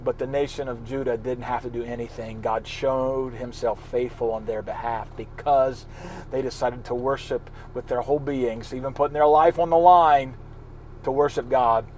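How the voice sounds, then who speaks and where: A man giving an informal devotional talk as a pastor, earnest and encouraging, often halting and repeating words. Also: mid-range voice, fairly even intonation, a little mellow, slight background noise, low-quality recording.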